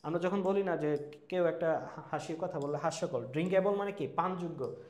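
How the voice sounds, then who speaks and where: A man's voice: a little high, a little fast, darkish tone, roomy sound. A man teaching an online English class, asking rhetorical questions and checking in with "ঠিক আছে?" after nearly every point. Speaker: English tutor for admission-test students. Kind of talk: online lecture.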